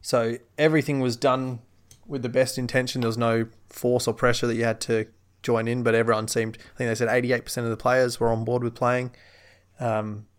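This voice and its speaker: A man's voice: medium pitch, little pitch movement, brisk, smooth. An Australian man talking casually about sport as a podcast host.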